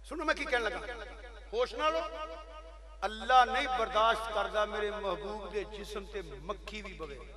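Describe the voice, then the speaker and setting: A man's voice: high voice, normal speed. A man with a Pakistani Punjabi accent preaching emphatically to a gathering and urging the crowd to respond. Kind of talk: Punjabi religious speech to a crowd. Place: outdoor religious gathering. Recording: echoey live gathering, crowd audible.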